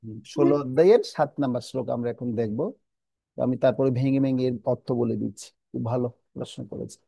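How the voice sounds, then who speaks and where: A man teaching a scripture class, chanting verses slowly and then explaining their pronunciation step by step. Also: mid-range voice, fairly even intonation, gravelly, mellow, no room sound.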